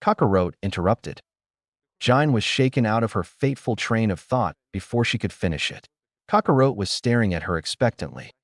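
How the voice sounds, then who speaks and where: A man narrating a fan story in an expressive storybook style. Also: on the low side, normal speed, dry recording, studio quality.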